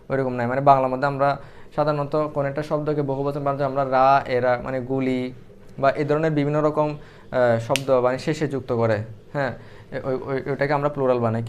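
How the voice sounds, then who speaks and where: A man's voice: medium pitch, slight background noise. A young man teaching Arabic grammar in a casual, explanatory way, thinking aloud with fillers and restarts as he writes.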